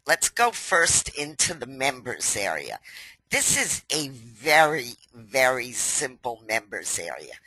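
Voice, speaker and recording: A woman's voice: very deep voice, sharp tone, breathy edge, no echo, poor audio. A woman with a New York accent and a head cold hosts a webinar, walking viewers through a members area in a chatty, step-by-step way. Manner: unhurried, chatty, explains step by step. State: has a head cold, stuffy. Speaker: company president hosting a webinar. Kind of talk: webinar software walkthrough.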